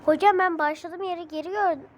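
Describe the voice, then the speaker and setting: A woman vlogger playing phone games and talking to her viewers, thinking out loud, exclaiming and getting frustrated. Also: very high voice, fairly even intonation, quick pace. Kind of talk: casual gaming chatter to viewers. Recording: noisy background ambience.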